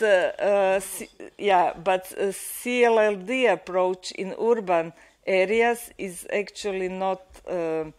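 Hesitant Croatian-accented woman, slow and flat. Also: lowish voice. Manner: hesitant, many uh fillers and restarts. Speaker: panel speaker. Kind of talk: panel discussion remarks. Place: conference room, seated at panel table. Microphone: desk microphone.

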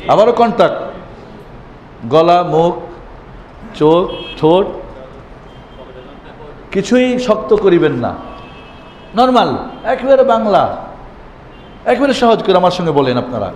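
A man's voice: high-pitched, a little mellow. Man chanting letters in an echoey hall. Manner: chants letter names and asks rhetorical questions. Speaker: Quran teacher. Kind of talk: classroom lesson on Arabic letters. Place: teaching room with a board. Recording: echoey hall with faint background noise.

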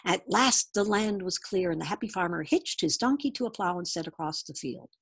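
Brief: woman storybook reader, husky voice, lively swooping pitch. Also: a little fast. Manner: expressive, animated storytelling. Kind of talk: picture-book read-aloud.

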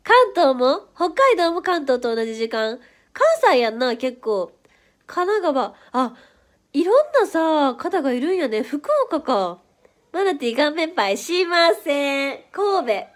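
High-voiced chatty Kansai woman. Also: sing-song. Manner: chatty, playful, quick to react. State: stuffy nose from hay fever. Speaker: idol livestream host. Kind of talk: casual livestream chat reading viewer comments.

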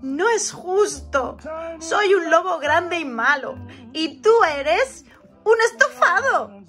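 A woman voicing a grumpy, hungry old male wolf in a storybook reading, grumbling and exclaiming loudly, with music playing behind. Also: very high voice, sing-song, slow pace, pitched above the performer's own voice, full character voice. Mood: indignant.

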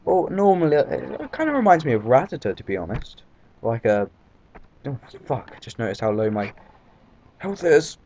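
Here a British man's medium-pitched, darkish voice swings widely in pitch as he talks at normal speed, pausing often. He's a let's-play commentator whose casual, rambling remarks are full of fillers and swearing. The recording sounds dull and lo-fi, with faint noise behind him.

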